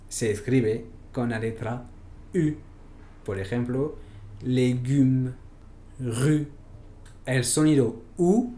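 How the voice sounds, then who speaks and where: A man's voice: medium pitch, darkish tone. A man with a French accent teaching a pronunciation lesson, spelling out letters one at a time and modeling each sound. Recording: roomy echo.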